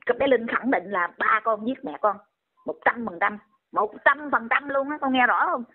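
A woman's voice: on the high side, moderate pace. Indignant older woman on a phone line. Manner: scolding, exclaiming often.

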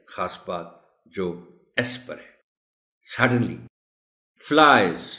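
Slow, low-voiced man teaching pronunciation. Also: a bit bright. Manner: slow, deliberate drilling of single words. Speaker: teacher trainer. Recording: echoey room.

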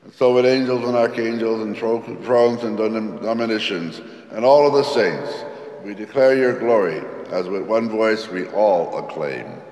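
A priest leads the liturgy, his voice low and solemn as he recites each prayer at a steady, measured pace. A long cathedral echo carries his words through a large, roomy church, each phrase hanging in the air of the hall.

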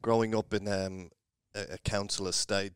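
Deep-voiced Dublin man on radio. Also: little pitch movement, moderate pace, clear, resonant tone, dry recording. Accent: Irish, Dublin. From Ireland. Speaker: guest entrepreneur. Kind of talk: radio interview. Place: small radio studio. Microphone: headset mic.

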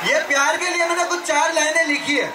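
Young man shouting to a roaring crowd. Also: very high voice, steady tone, fast, very noisy. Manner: shouting over cheering fans, reciting poetry. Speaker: comedian addressing fans. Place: large indoor fan event on stage. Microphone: handheld mic. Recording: echoey hall, loud crowd, from far off.

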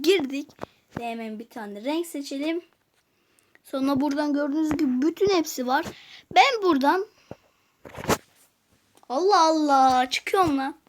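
A woman's voice: sits high, slight background noise. A woman giving casual gameplay commentary, chatting to viewers and muttering to herself as she plays. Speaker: gaming youtuber.

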